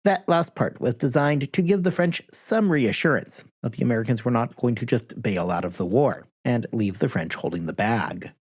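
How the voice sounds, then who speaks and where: A man hosting a history podcast, reading a scripted narration with deliberate emphasis and a husky voice. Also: medium pitch, lively intonation, a little mellow.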